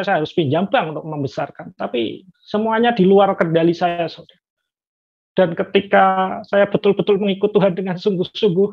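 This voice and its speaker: A man's voice: sits high, creaky. A man giving a personal faith testimony to a congregation, speaking earnestly and often addressing the listeners directly as brothers and sisters. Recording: dull lo-fi recording.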